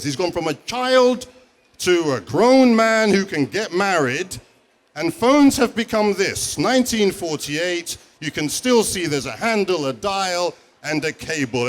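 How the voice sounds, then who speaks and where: A man, a school principal giving a conference talk and often asking the audience questions. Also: sits high. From England. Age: 40s. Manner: engaging, asks the audience questions.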